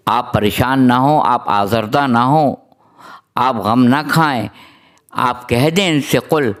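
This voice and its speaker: A man delivering a religious sermon, reciting long lists of titles in a steady rhythm and explaining Arabic terms to his listeners. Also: medium pitch. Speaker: religious speaker.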